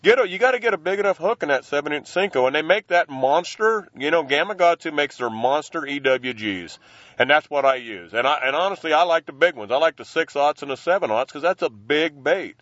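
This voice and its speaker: A man's voice: fairly high pitch, animated, a little fast, fairly bright tone, dry recording, muffled recording. A man speaking as an interview guest in casual, folksy, slangy language, explaining things informally. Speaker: professional angler, interview guest.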